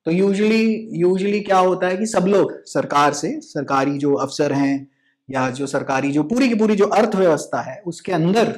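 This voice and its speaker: A man's voice: fairly high pitch, expressive, normal speed. Chatty man explaining a court case. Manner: conversational, mixes English phrases, asks rhetorical questions. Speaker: legal educator. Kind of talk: casual explanatory lecture in Hindi mixed with English.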